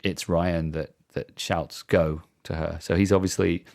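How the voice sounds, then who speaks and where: Gravelly low-voiced man hosting. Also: normal speed. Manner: relaxed, leads the segments. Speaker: podcast host. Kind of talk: casual film discussion.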